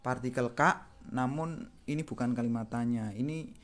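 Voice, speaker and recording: A man's voice: mid-range voice, moderate pace. A man with an Indonesian accent teaching Japanese grammar in a patient, repetitive way, often ending points with a tag question. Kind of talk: grammar lesson explanation.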